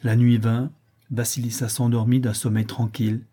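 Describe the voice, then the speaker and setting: A male audiobook narrator reads a classic novel at an even, measured pace. His voice is mellow and darkly toned, with a husky, slightly breathy edge. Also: mid-range voice. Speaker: audiobook reader.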